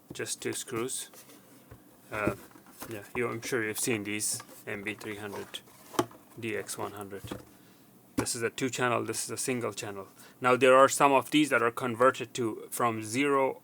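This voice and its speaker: His voice is mid-range, gravelly, and sharp in tone. He's presenting an informal, unscripted tech repair how-to, chatting conversationally and repeating words for emphasis.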